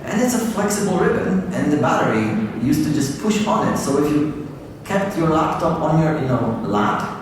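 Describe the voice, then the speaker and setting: A man's voice: on the high side, expressive, normal speed. A man from Poland giving a keynote conference talk, chatting casually with many fillers and "like". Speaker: keynote speaker. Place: large conference hall. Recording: distant, echoey hall with noise.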